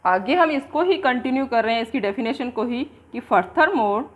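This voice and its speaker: A woman with an Indian accent giving a coaching-class lecture, explaining in Hindi and slowly dictating English definitions word by word. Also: a little high, expressive, muffled recording. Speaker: English exam coaching teacher.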